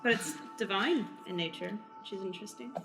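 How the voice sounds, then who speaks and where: A woman's voice: medium pitch, a little fast. A woman playing a tabletop role-playing game, chatting casually and improvising in character. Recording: music playing under the voice. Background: background music.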